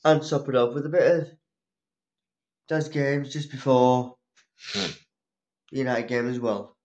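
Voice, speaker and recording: A young man chatting casually to viewers in a vlog, low-key and halting, under the weather with a cold. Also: fairly even intonation, a little mellow. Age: young adult. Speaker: vlogger. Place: small room at home. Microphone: phone at arm's length. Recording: dull lo-fi phone audio.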